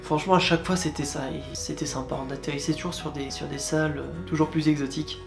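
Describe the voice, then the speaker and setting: Casual man over clear music. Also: on the high side, flat delivery, fast talker. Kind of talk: casual recounting of an outing.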